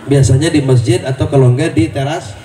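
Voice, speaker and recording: A man's voice: mid-range voice, fairly even intonation, fairly quick. A male preacher giving a humorous sermon, teasing the congregation with questions and jokes. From Indonesia. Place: mosque gathering with crowd. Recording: echoey hall, voice from far off, crowd noise.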